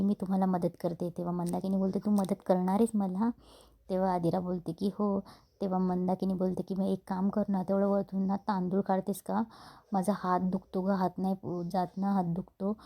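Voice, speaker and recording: This is a woman narrating a TV drama episode scene by scene, with a warm, mellow tone. Her pitch stays fairly level, and she lifts it only slightly when she slips into the characters' quoted lines. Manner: quick plain retelling, lifting her voice a little for quoted lines. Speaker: serial episode recap narrator. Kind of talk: retelling a TV serial episode, voicing the characters' lines.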